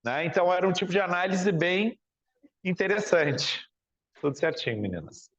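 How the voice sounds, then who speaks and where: A man from Porto Alegre with a southern Brazilian Portuguese accent lectures a class, often asking students questions. His high, expressive voice moves at normal speed with a slightly bright tone, and his chatty phrases end in tag questions.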